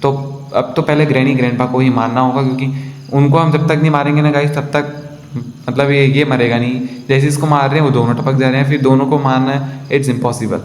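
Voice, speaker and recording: A man's voice: mid-range voice, fairly even intonation, a little fast. A man casually commenting on his own gameplay in speech, chatting to viewers and calling them guys. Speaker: gaming vlogger. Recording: echoey room, faint ambient noise.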